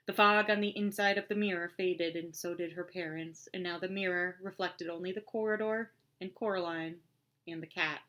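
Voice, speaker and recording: A woman reading a storybook aloud in a measured storytelling manner. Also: fairly low pitch, fairly even intonation, a bit bright. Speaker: audiobook reader. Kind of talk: scripted narration.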